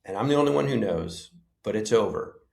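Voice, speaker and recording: A man with a low, gravelly voice, speaking earnestly and reflectively as an interview guest. He often circles back and restarts his sentences with "you know." His voice carries a noticeable echo, as if he were in a resonant room. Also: lively intonation, fairly quick, a little mellow. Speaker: interview guest, former paramedic. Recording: roomy echo.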